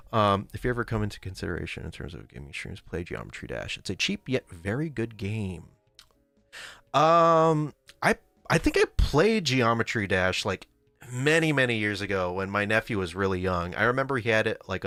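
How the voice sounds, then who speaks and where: With faint music playing and no room sound, a man with a lowish, clear, resonant, fairly bright voice hosts a relaxed livestream. He reads the chat in a rambling way, often laughing and correcting himself.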